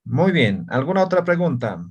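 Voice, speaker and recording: A man's voice: a little high, very animated, moderate pace, slightly rough, highs cut off. A man teaching an online language class, explaining patiently and checking often that students follow.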